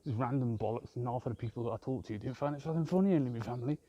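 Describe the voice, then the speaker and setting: A man's voice: medium pitch, racing, mellow, lo-fi sound. A man rambling and swearing constantly as he films a vlog on a walk outdoors in a park with his phone. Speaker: vlogger. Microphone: handheld phone camera.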